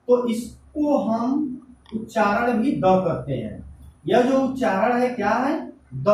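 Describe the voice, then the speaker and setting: A man's voice: high-pitched, a little mellow. A man teaching an English grammar lesson, explaining step by step and asking himself questions, then answering them. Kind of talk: classroom-style grammar lesson. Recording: echoey room, voice from a distance, faint noise.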